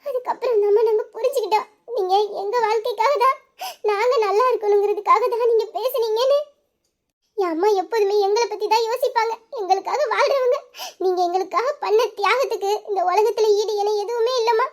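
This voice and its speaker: A young grown daughter in a family drama, voiced by a woman, earnest and full of affection. She talks in a sincere, apologetic way. Her voice is very high. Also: quick pace, few pauses, warm tone. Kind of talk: emotional family drama acting.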